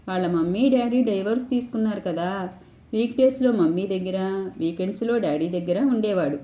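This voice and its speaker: A woman's voice: medium pitch, mellow, natural voice. A woman voicing a young grandson, clingy and anxious, sobbing and pleading as he talks to his grandmother. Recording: echoey room.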